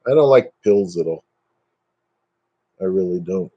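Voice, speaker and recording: A man in his fifties hosts a casual live stream, chatting and joking at his own expense. His deep voice is animated but a little slow, and the recording sounds muffled.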